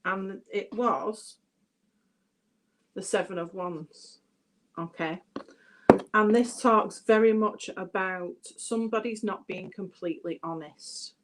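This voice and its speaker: A woman's voice: medium pitch, takes it slowly, pauses often, background noise. A British woman giving a chatty live tarot reading, addressing viewers by name and thinking aloud as she turns the cards. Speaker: tarot reader.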